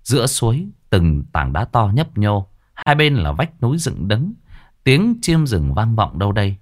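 A man narrating a story in a lively, dramatic reading. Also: fairly low pitch, measured pace. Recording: faint music behind.

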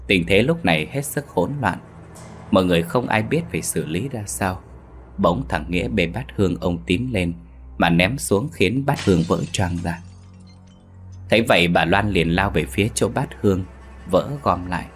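A man narrating a ghost story in a steady, measured way. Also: low voice. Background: faint background music.

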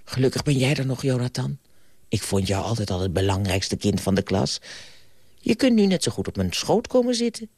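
A man voicing a sweet, dreamy young female teacher, speaking high and tender in a storybook reading. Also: big pitch swings, fairly quick, a little mellow, breathy edge, no room sound, studio quality.

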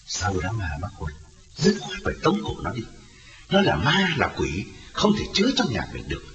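A man's voice: a little high, wildly swooping pitch, quick pace, a bit bright, highs cut off. A man doing a harsh, stern man. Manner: hard, curt, clipped. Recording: echoey, distant, music behind.

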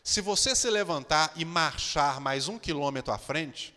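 A man's voice: fairly high pitch, expressive, moderate pace, pushed and bright. A man preaching a sermon with passion, acting out prayers and God's words to the congregation, in a church hall. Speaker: pastor.

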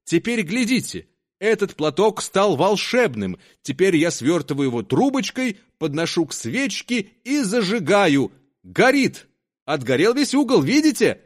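A man's voice: high voice, very animated, unhurried, pitched above the performer's own voice, full character voice. A man voicing a poor, hungry conjurer who talks in a shaky, pleading showman's patter.

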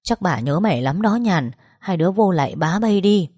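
A blunt older village man, put on by a woman narrator. He speaks slowly and reproachfully in a low, dry voice. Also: animated, mellow, breathy edge, dry recording.

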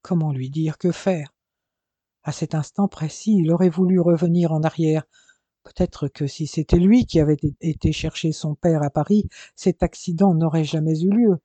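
Dark-toned male audiobook narrator. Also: on the high side, steady tone, moderate pace, no echo. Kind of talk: scripted narration of a romance novel.

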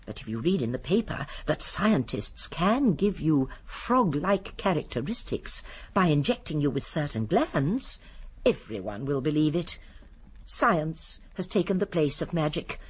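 This is BBC radio drama acting: a shrewd, politely modest old English lady sleuth, performed in full character, explains her reasoning with assurance. Her very husky voice sits low and swoops expressively in a sing-song manner, a little slow. Prim and courteous, she digresses somewhat but stays precise and gently confident.

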